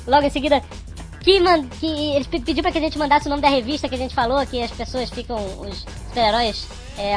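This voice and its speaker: A man voicing a chatty cartoon chipmunk with a sped-up, high-pitched voice and a wry manner. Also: fairly bright tone.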